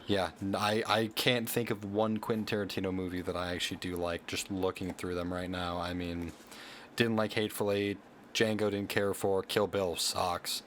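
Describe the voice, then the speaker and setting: A young man with a low, deep voice co-hosts a movie podcast, blunt and stammering as he chats. A faint hiss of noise sits under him. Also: flat delivery, normal speed, a bit bright. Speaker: podcast co-host. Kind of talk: casual chat.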